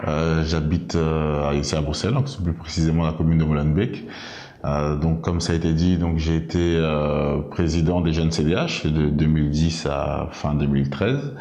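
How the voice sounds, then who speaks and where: A man in his thirties from Congo with a very low, mellow voice. He answers slowly and haltingly, stopping often to restart his sentences. The room around him sounds echoey. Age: 30s. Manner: halting, many fillers and restarts. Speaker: interview guest, local politician. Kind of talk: hesitant interview answers.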